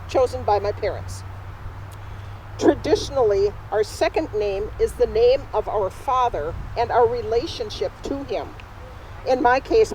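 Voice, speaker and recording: A woman's voice: a little high, darkish tone, a little hiss or hum, rough recording. A woman in costume playing a spirited, independent Norwegian immigrant woman, telling her story in first person straight to a live audience outdoors. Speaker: costumed re-enactor. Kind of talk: first-person historical re-enactment. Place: outdoors at a cemetery.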